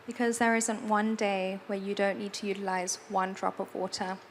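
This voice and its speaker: Woman interpreter, flat steady delivery, faint background noise. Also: mid-range voice, normal speed. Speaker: moderator and interpreter. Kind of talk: live interpretation on a panel. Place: large hall at an event.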